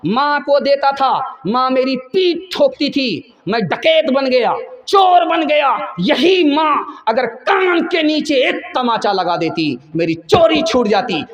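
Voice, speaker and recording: A man's voice: extremely high pitch, pitched above the performer's own voice. A bitter, condemned young robber, as a male preacher puts him on in a sermon, his raised voice straining and breaking toward tears. It rings through an echoey hall. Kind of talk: sermon storytelling.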